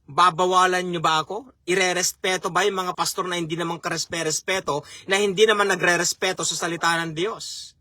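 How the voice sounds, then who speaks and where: Bright high-voiced male preacher. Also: fairly even intonation, fairly quick, dry recording, clean studio sound. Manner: repeats key phrases for emphasis. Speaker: chaplain and preacher. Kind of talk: sermon.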